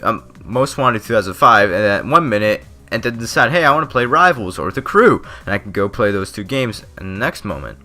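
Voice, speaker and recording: A gaming video creator with a sharp-toned, mid-range voice gives off-the-cuff, rambling opinions. His lip is still numb from the dentist's Novocaine, so his speech comes out slightly off and he stumbles a bit.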